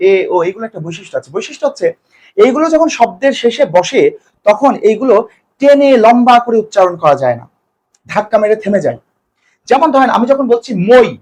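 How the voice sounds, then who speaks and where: A man with a very high voice and a darkish tone leads an exam-prep grammar lesson. He explains step by step, poses questions and answers them himself, and stretches out example words slowly.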